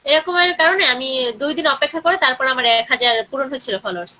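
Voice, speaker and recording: A woman with a Bangladeshi Bengali accent hosting a live stream, chatting with viewers and urging them to share and comment, sometimes talking softly. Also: high-pitched, expressive, dull audio, slight background noise. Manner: speaking slowly and softly during the call to prayer.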